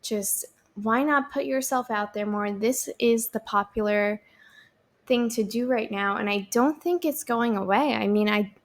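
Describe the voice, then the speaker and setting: A woman's voice: on the high side, measured pace. A woman in her thirties hosting her own podcast, chatting alone in an upbeat, rambling way. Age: 30s. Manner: chatty, lots of fillers and restarts, upbeat. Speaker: podcast host. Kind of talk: solo podcast chat.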